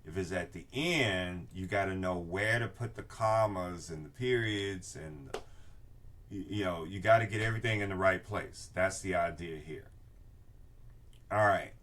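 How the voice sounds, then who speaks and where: A man's voice: low voice, unhurried, fairly bright tone. An older man giving an informal tutorial as an instructor, explaining and often checking that listeners follow. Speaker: research class instructor. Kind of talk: informal screen-share tutorial. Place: indoor room with bookshelves, video inset.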